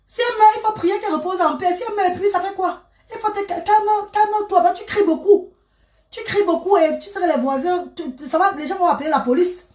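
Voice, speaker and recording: A woman voicing a fussy, anxious neighbor lady in a high, excited voice. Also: brisk. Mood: scolding. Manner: high, excited, fussing questions. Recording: roomy, from a distance.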